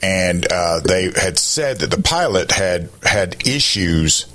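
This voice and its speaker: A man's voice: low-pitched, lively intonation, slow pace, pushed and bright. A man hosting a talk radio show, asking questions in a conversational interview style.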